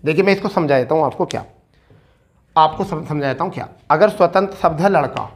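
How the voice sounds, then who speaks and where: A male teacher talking students through an exam practice set. He checks in with them often and keeps urging them on, drawn out slowly when he reads verse aloud. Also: on the high side. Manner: coaxing, repeats "ठीक है" often; recites verse slowly and deliberately. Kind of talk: explaining a practice test.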